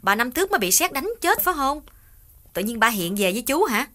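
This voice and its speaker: A male narrator voicing a surprised, chatty young village wife who fires off one question after another in a raised, bright voice. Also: big pitch swings, exaggerated voice. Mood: startled, curious. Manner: high, rapid, questioning chatter.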